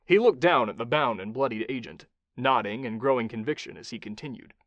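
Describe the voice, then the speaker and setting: A man narrating a thriller audiobook in an expressive, dramatic storytelling style. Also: medium pitch, fairly quick, no echo, dull audio.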